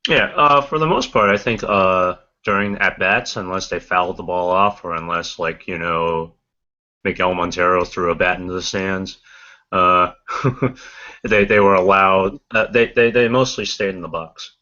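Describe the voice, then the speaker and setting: A low-voiced man talks through a casual podcast chat, circling back with restarts and fillers. His tone is bright and forceful. The audio sounds dull and lo-fi. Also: steady tone, a little slow. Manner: rambling, many restarts and fillers. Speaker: podcast co-host.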